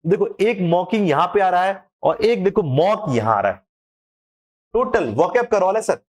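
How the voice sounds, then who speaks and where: A man teaching an exam-prep lesson on English idioms, explaining in a lively, repetitive way and asking rhetorical questions. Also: high-pitched, moderate pace.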